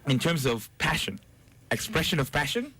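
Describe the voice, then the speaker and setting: A young man whose first language is Arabic, a radio show guest who talks in a casual, animated storytelling way and repeats his words. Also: a little high, moderate pace, slightly rough.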